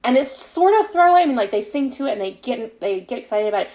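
Appearing as a guest author in a casual interview, a woman reflects on her writing in a conversational way, explaining at length and often saying "you know" and "like." Her voice sits on the high side and is slightly mellow, with an animated delivery and a quick pace.

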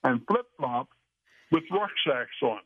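A man telling a long story as an interview guest, rambling and halting with frequent restarts. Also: medium pitch, expressive, crowd noise. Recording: dry, tinny phone line.

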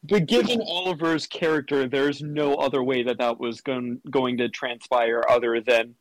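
A man in casual podcast chat who speaks haltingly, often restarting his sentences. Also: mid-range voice, steady tone, dry recording, poor audio.

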